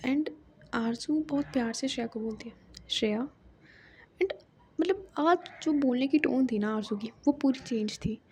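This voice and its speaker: A woman tells a long love story in a chatty, conversational way. Her voice sits a little high but sounds mellow and dark. She keeps pausing for asides and fillers. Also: slight background noise. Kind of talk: casual story narration.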